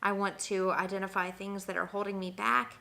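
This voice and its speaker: A young woman speaks straight to her viewers in a motivational vlog, stacking up emphatic rhetorical questions about growth. Her voice is bright and forward. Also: medium pitch, little pitch movement, fairly quick, creaky. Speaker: wellness vlogger.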